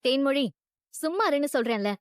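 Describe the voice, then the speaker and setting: A woman voicing an earnest young street vendor who pleads and hushes her friend in a drama dub. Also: high-pitched, expressive, a little fast, no room sound, clean studio sound. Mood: restraining. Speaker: street biryani seller.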